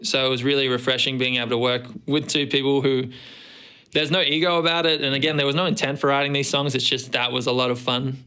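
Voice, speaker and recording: A man's voice: medium pitch, level tone, fast talker, bright, forceful tone, clear, resonant tone. A young man, a musician, chatting casually and rambling with lots of fillers. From Australia. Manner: easygoing, rambling with many fillers. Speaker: performing musician guest. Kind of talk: casual chat.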